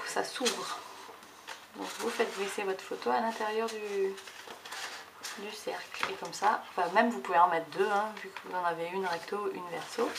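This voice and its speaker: A woman's voice: medium pitch, vocal fry. Woman chatting about her scrapbooks, lots of ums and restarts, faint noise behind. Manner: chatty, hesitant, many fillers and restarts. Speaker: scrapbooking vlogger. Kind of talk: casual show-and-tell.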